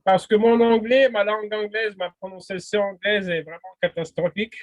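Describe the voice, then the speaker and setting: A man's voice: high voice, flat delivery, moderate pace, no room sound, dull audio. A man teaching linguistics in a casual spoken lesson, hesitant, full of fillers and restarts. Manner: laughs readily.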